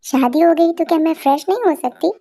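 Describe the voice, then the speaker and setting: A woman's voice: very high voice, fairly quick, warm tone. A woman voicing a young newlywed bride who protests and insists, in a fan-dubbed story. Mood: flustered. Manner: protesting, flustered. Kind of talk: Hindi fan dub storytelling.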